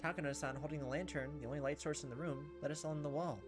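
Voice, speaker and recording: With a slightly high voice and rapid-fire delivery, this man acts out a visual novel's lines as a let's player. He tells the story expressively over game music.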